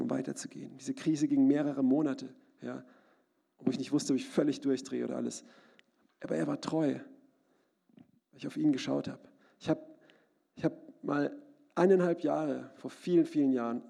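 A man delivers a sermon in a church hall, earnest and personal, now and then breaking into loud cries. His voice is gravelly and husky, dark in tone, sitting a little high for a man. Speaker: preacher.

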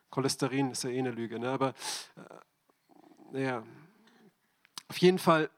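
German man preaching a lively sermon. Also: on the high side. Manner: direct, questioning the audience.

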